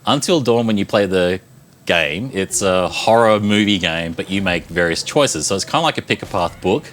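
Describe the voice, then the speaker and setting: A man with a lowish voice reviewing films on a chat show, talking through them with loose, rambling enthusiasm. A faint background hiss sits under the recording. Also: expressive, moderate pace, a bit bright. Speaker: movie reviewer. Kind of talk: casual chat.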